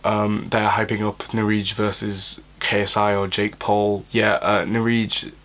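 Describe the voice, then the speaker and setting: A young man gives his casual, blunt take on a boxing card and keeps his voice hushed because it is late at night. His voice sits low and stays fairly level, with little rise and fall. He speaks like a fighter talking shop, with frequent ums and likes. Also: flat delivery, measured pace. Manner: blunt and opinionated, with fillers. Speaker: boxer reviewing a fight card. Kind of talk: casual review to camera.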